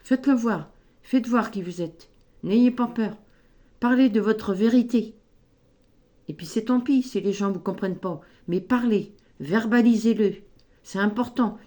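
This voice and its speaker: Slow, mellow-voiced woman reading cards. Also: mid-range voice. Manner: slow, gentle, encouraging, frequent "hein" and "ici". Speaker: tarot card reader. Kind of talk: spoken card reading guidance.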